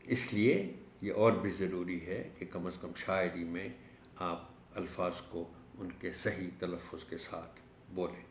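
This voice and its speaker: Deep-voiced man explaining a lesson. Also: steady tone, roomy sound, a little hiss or hum. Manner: explains slowly, drawing out key words. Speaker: teacher trainer. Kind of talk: recorded tutorial lesson.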